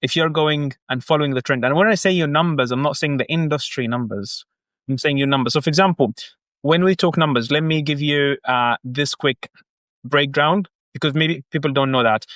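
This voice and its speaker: On a laid-back business podcast, a marketing agency founder in his thirties from Egypt earnestly breaks his work down step by step. He talks a little fast, and his voice is fairly high and a bit bright, with no room sound.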